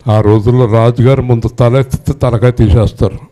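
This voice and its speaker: Male pastor preaching, mid voice, nagging the crowd to answer louder, drops low then climbs to big high shouts. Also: fairly even intonation, brisk. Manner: scolds and quizzes the congregation, demands loud responses; swings from low murmurs to high shouted climaxes. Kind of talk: sermon.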